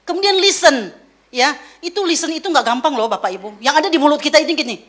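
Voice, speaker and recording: A middle-aged woman giving a lively church teaching, acting out quoted voices as she speaks. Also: high voice, fast. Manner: lively, acts out quoted voices, mixes in English words.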